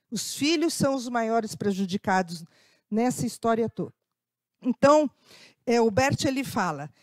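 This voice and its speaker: A middle-aged Brazilian woman speaks in a Brazilian Portuguese accent, lecturing to an audience in a conversational way. Her pitch sits somewhat high and moves around a lot as she acts out bits of dialogue. The sound is close and dry. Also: darkish tone, no room sound. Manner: conversational, frequent tag questions, acts out quoted dialogue. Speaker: guest speaker, educator. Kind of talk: lecture with personal anecdotes.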